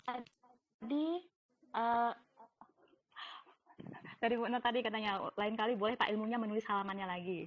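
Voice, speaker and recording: A woman moderating an online session, her voice breaking up and glitching over the video call; she speaks haltingly with fillers. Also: a little high, steady tone, highs cut off. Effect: choppy, breaking-up video-call audio. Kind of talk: casual online meeting talk.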